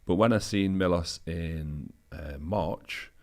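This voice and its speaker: Guest spot: a man with a very low voice, relaxed anecdotal talker. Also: slow. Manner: easygoing anecdotal storytelling, loose with fillers. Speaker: bodybuilder guest. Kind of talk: casual interview chat.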